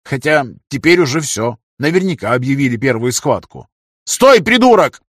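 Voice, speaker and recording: A man voicing a pompous, hot-tempered senior adviser to an emperor who bosses people around and flies into loud rages. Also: medium pitch, animated, brisk, husky, no room sound, clean studio sound. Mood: friendly. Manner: shouting, bossy, easily outraged.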